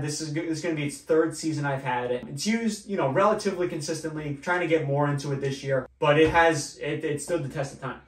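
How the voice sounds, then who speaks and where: A young man hosting a fishing channel, casually walking through his gear with lots of fillers, recorded at a table indoors by a camera across the room. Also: a little high. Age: young adult. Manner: relaxed, chatty, many fillers. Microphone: far camera. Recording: roomy echo, voice far from mic.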